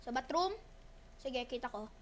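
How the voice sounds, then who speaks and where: A woman playing an online shooter, chatting casually with teammates and firing off quick, repeated callouts. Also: high voice, lively intonation, fairly bright tone, a little hiss or hum. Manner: quick, repetitive callouts, urgent and teasing. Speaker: gamer streaming a shooter match.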